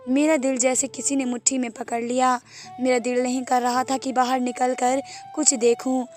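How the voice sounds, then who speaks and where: A woman's voice: high-pitched, little pitch movement, normal speed, a little mellow. A woman narrating an emotional first-person story in a sorrowful, heartfelt way. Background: faint music.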